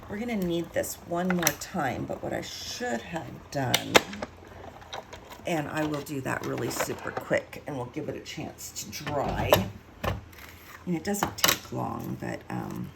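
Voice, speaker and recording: A woman's voice: very deep voice, sing-song, measured pace, creaky, very noisy. A woman giving a casual craft tutorial, chatty and self-mocking as she thinks aloud while working. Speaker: card-making demonstrator.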